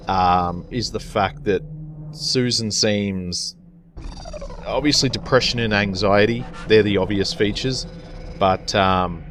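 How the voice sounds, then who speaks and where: Low-voiced man commenting on a game. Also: fairly bright tone, slight background noise. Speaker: gaming video host. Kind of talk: casual gameplay commentary.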